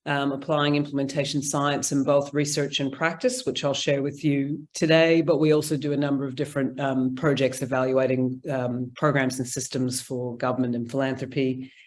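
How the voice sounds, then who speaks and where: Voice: mid-range voice, little pitch movement, normal speed, hardly any pauses. Chatty New conference speaker. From New Zealand. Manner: chatty, informal, frequent ums. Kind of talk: presenting a talk over video call. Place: indoor room, remote. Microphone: video call.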